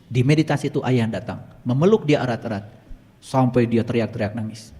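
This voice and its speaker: A man giving a spiritual talk, telling stories with sudden loud exclamations and hushed asides. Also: mid-range voice, fairly quick, big-room sound. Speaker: spiritual teacher.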